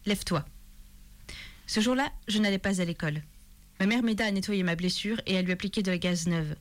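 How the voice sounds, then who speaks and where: A woman giving a steady, measured first-person literary reading as a reader of fiction. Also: medium pitch.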